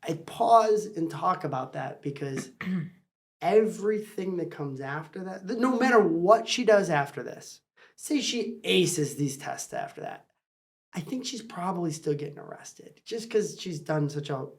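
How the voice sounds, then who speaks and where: Woman, lower-pitched voice, show host, casual video commentary, conversational. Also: lively intonation, unhurried. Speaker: host of a lawyer reaction show.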